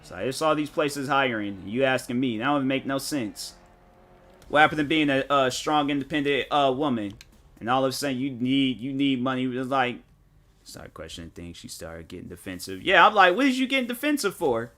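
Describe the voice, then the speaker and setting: A man streaming a game chats loosely, piling up slang as he tells a story. His voice is bright and forward, with a mid pitch. He jumps into little acted-out lines of other people as he goes. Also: moderate pace. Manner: rambling storytelling, slangy, animated, mock-quotes people. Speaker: gaming streamer. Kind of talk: casual chat while streaming a game.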